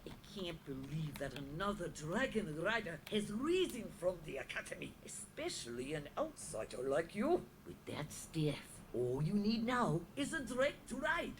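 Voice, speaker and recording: A cheerful fire school mentor with a Wisconsin accent. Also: female voice, big pitch swings, moderate pace, few pauses. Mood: proud, encouraging. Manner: bright sing-song delivery with big pitch swings. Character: female fire school game character, cheerful. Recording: game audio with loud noise.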